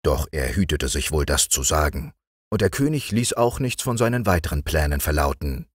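A man narrating a bedtime fairy tale, calm and expressive. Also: very deep voice, moderate pace, breathy edge, dry recording, studio quality. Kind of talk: bedtime storybook reading.

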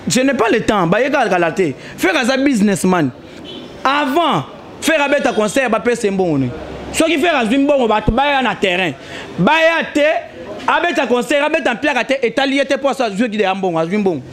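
Speaking in a very high voice at a brisk clip, a young man pushes his case in a lively, casual argument, switching between French and Lingala as his emphasis climbs. A handheld mic is pointed at him in a small indoor studio, and there's slight background noise.

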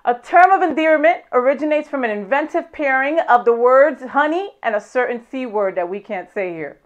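A woman in her thirties hosts a web show segment from a small studio set, upbeat and giggly as she reads definitions aloud and laughs with her guest. Her high voice is expressive at a normal speed, though the recording sounds muffled.

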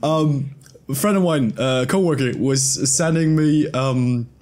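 A man in his twenties hosts a gaming video with casual commentary. His voice is mid-pitched, and he mutters hesitantly as he thinks aloud, close to a desk microphone. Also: unhurried, a little mellow. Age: 20s. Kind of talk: casual let's-play commentary. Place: indoor room at a desk.

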